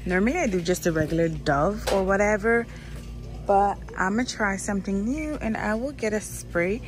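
A woman's voice: medium pitch, normal speed, over music. A woman vlogging as she shops in a store aisle, chatting casually and thinking aloud, often repeating herself, recorded on a handheld phone. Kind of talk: casual shopping vlog narration. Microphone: handheld phone camera.

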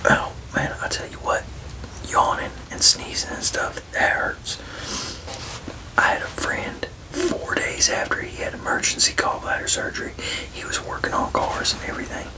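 A person whispering a casual ASMR ramble, halting and frank, with folksy turns of phrase. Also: recorded from a distance, poor audio. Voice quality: unvoiced, breathy whisper with creaky edges. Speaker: ASMR video creator.

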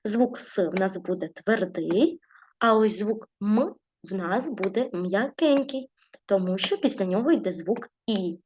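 A woman teaching a primary school class, speaking gently with many diminutives and frequently checking in with "right?". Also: medium pitch, expressive, measured pace, breathy edge. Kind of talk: classroom lesson narration.

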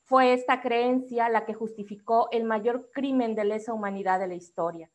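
A steady-toned, somewhat high-pitched woman with a Mexican accent addresses a discussion panel as an activist, delivering her prepared formal talk in a measured, articulate style.

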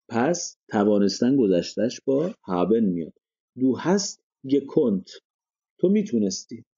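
A man's voice: fairly low pitch, warm tone, breathy edge, highs cut off. A male language teacher explaining grammar step by step and often stopping to check that listeners follow. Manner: checks understanding with frequent rhetorical questions. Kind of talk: explanatory lesson.

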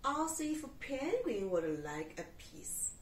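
A woman's voice: high-pitched, sing-song, unhurried. A patient male cat who bakes cakes, as a woman reading aloud puts him on. He speaks mildly with resigned sighs, close to her everyday voice. The sound is distant and roomy with faint hiss. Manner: sighing, mild.

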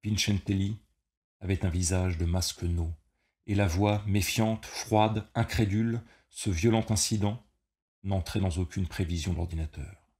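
A man reading a novel aloud as narrator, in a slow, measured, dramatic delivery. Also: deep voice, fairly even intonation, darkish tone. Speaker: audiobook reader. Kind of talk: scripted narration.

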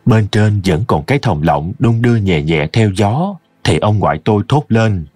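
Husky-voiced man narrating a horror story. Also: lowish voice, lively intonation, a little mellow, no echo, soft background music. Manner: slow, ominous storytelling.

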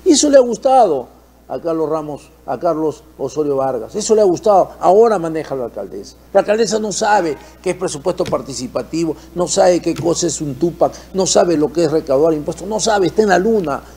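Gravelly, indignant Peruvian TV host. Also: male voice, sits high, animated, brisk, a little mellow. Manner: indignant, rhetorical questions. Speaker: TV opinion host. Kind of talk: political commentary.

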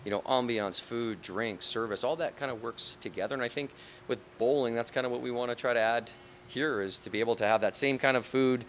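A man's voice: medium pitch, brisk, fairly bright tone, a little hiss or hum. A man in his thirties, a bar owner, talking casually in an on-site interview, with many fillers like "you know" and "um". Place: outdoors on a street, then inside a large bar and bowling hall. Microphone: handheld reporter mic.

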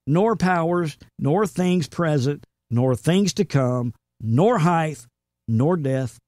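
Guy preaching on his show, kinda high voice, earnest and emphatic, real dry sound. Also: animated, slow pace, darkish tone, dry recording. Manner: earnest, emphatic, quotes scripture. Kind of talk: sermon-style commentary.

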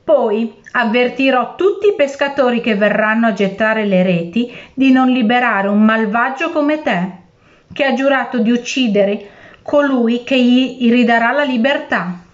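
A woman's voice: on the high side, measured pace, dull audio, natural voice. A woman reading aloud and voicing a poor fisherman who pleads for his life and then outwits his captor. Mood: defiant. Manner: pleading, then shrewd and defiant. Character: poor, desperate, clever old fisherman.

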